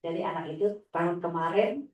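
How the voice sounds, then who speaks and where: Speaking a little fast in a lowish, slightly mellow voice, this woman shares uplifting stories of her pupils as an Islamic teacher. She mimics a child's whiny answers, and the room echoes around a faraway microphone.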